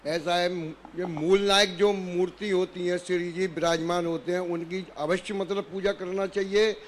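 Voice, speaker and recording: A man's voice: high-pitched, level tone, a little slow, a little hiss or hum. A man caller asking a religious question hesitantly, stumbling over filler words. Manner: hesitant, repeats "matlab". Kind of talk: devotional question.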